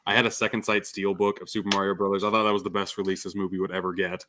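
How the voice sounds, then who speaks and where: A man's voice: sits low, flat delivery, racing, background noise. A man chatting casually as a panelist, earnest and appreciative in how he talks. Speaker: award show panelist. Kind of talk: casual chat.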